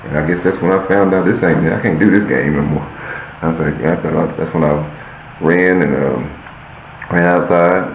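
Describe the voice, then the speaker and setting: A man with a very low, gravelly voice tells a story on his podcast in a loose, casual way, calling out "y'all" to his listeners and acting out each scene. The sound is roomy and echoey, with a faint hiss underneath. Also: normal speed. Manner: addresses listeners as "y'all", acts out scenes while telling. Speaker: podcast host.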